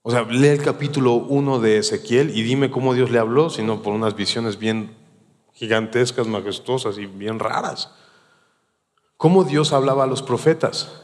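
A man's voice: mid-range voice, normal speed. A man with a Mexican accent teaching through a Bible passage in a casual, conversational way, often tagging his points with rhetorical questions. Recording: long hall reverb.

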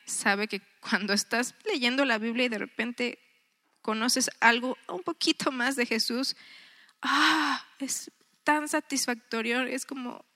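A woman's voice: a little high, fairly even intonation, unhurried, sharp tone. A woman in her thirties giving a chatty, earnest devotional talk to a women's group, often acting out her own thoughts. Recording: long reverb.

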